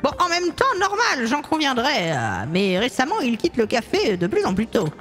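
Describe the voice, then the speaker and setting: A woman's voice: high voice, huge pitch swings, normal speed, fairly bright tone, exaggerated voice. Woman voicing an anxious older café owner. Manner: hesitant, fussy, many sighing fillers. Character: worried older woman café owner suspecting her husband. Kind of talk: fan dub of a game scene.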